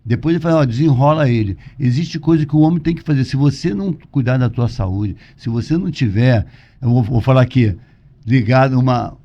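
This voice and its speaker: A man's voice: mid-range voice, a little fast. A Brazilian man, a pastor, preaching conversationally and emphatically, repeating points and asking rhetorical questions. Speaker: pastor, podcast guest. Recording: dull lo-fi audio.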